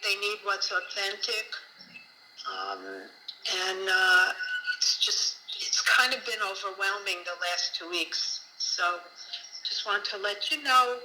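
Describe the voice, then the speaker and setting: A woman's voice: mid-range voice, very animated, slow pace, noisy background. A woman heard over a phone on speaker, calling in to a meeting and talking hesitantly with many fillers and restarts. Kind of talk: spoken update to a group. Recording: phone speaker in an echoey room.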